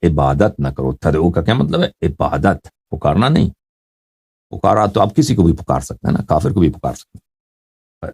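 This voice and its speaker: A man with a deep, low voice teaching a religious text. He reads a line of Arabic, then explains it slowly and patiently, pointing to parts of his body and asking his listeners whether they follow. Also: sing-song, vocal fry, a little mellow, slightly rough.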